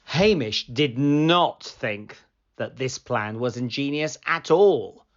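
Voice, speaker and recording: A woman reads a picture book aloud for children. Her low voice moves slowly and with plenty of melody. The recording is a little dull and lo-fi. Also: animated. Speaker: storybook reader. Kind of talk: read-aloud children's story narration.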